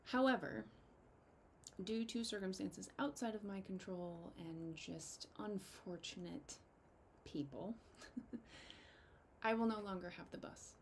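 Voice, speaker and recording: A young woman chatting to her viewers in a casual personal update, heartfelt and grateful, halting with many ums and getting emotional. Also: mid-range voice, a little hiss or hum. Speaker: fantasy photographer and content creator.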